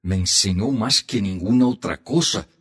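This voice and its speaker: A man reading the part of an old grandfather telling his grandchildren a hunting tale, in a slow, heartfelt storybook manner. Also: lowish voice, a bit bright, husky. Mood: reminiscing.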